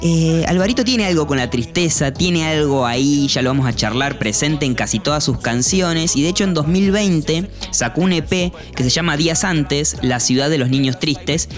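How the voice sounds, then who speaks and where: A man co-hosting a casual music review chat, talking in a relaxed, chatty way with frequent fillers. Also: on the high side, normal speed, hardly any pauses. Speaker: podcast co-host.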